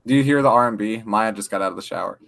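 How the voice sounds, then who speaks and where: A man co-hosting a podcast, joking around and getting excited in casual chat. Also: lowish voice, rapid-fire, gravelly. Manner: jokey, excitable, laughing. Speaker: podcast co-host.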